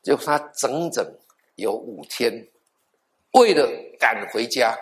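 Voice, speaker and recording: This sermon comes from a middle-aged pastor with a mid-range voice who takes it slowly. He tells the story in an animated way, voicing the dialogue himself, adding half-joking asides, and slipping in occasional English words.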